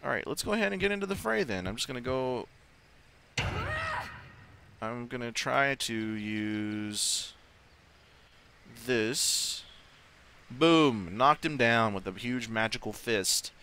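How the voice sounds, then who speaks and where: A man's voice: mid-range voice, measured pace, vocal fry, long pauses, bright, forceful tone, a little hiss or hum. A man giving casual let's-play commentary, thinking aloud and swearing offhandedly. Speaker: gaming video host. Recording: faint game sound behind voice. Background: video game ambience.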